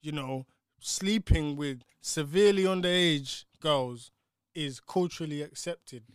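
A man's voice: on the high side, measured pace, clean tone, no echo, studio quality. A young man with a London roadman accent, giving emphatic opinions in casual, sweary slang. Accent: London roadman, multicultural London English.

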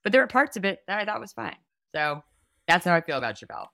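Young female comedian guest from New York, chatty and giggly, bright tone, close dry recording. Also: on the low side, sing-song, quick pace, no room sound. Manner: chatty, giggly, lots of fillers and self-interruptions. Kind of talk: casual interview chat.

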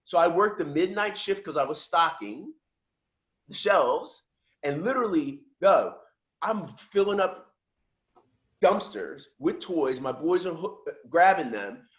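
Speaking unhurriedly on a podcast, this middle-aged guest from just outside Philadelphia tells his story in relaxed, casual conversation, slipping into the voices of the people he quotes like a lively storyteller. His voice sits a little high for a man, and the recording is dull and lo-fi.

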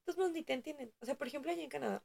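Young mexican woman podcasting, bit of vocal fry, rambly and animated. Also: high voice, racing. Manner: chatty, animated storytelling with frequent fillers. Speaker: podcast co-host. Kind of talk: casual chat.

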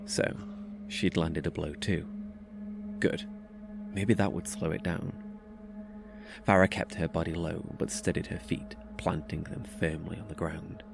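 A man's voice: low-pitched, fairly even intonation, a little slow, gravelly, long pauses, over music. A man narrating a post-apocalyptic horror short story in a tense, dramatic scripted reading. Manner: tense, dramatic reading that swells in the action scenes.

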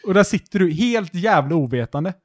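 A young man co-hosting a podcast in casual chat, playful and animated, swearing often as he spins odd stories. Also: high-pitched. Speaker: podcast co-host.

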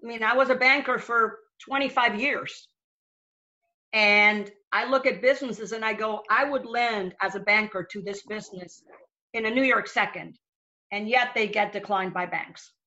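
Bright and forceful, with a higher-leaning voice at a moderate pace, the Venezuelan panel guest, a middle-aged small-business lender, speaks earnestly. She repeats words when starting sentences, and the recording is dull lo-fi.

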